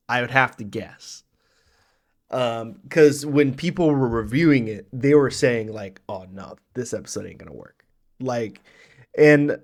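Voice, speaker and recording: A man in the middle of a loose reaction chat, talking at an ordinary pitch and wandering through long explanations of backstory. he goes on in a relaxed, unscripted way, circling back to add details as he thinks of them. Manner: rambling, explains lore at length. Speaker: reaction show host. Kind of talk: casual chat.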